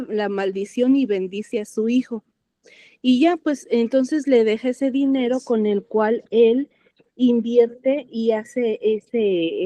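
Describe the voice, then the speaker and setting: A woman's voice: fairly high pitch, mellow, dry recording. A woman joining a Bible reading circle discussion, thinking aloud with hesitant fillers and correcting herself as she goes.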